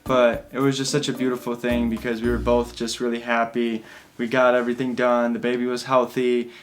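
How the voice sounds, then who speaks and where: A man's voice: mid-range voice, completely flat delivery, fairly quick, faint music behind. A young man chatting casually, telling a story with lots of fillers. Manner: rambling with many fillers. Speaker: vlogger, new father. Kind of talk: casual chat.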